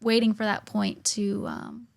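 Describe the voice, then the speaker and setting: This podcast co-host, a woman in her early twenties, speaks at a measured pace in a gravelly, medium-pitched voice with flat delivery. Her casual conversation is chatty and reflective, scattered with fillers such as "like" and "literally."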